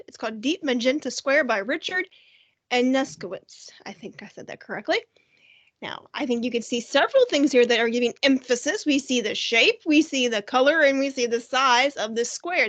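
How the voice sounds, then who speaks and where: A woman's voice: a little high, fairly bright tone. A woman art teacher giving a recorded online lesson, upbeat and speaking directly to young students with questions. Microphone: computer mic, screen-shared lesson.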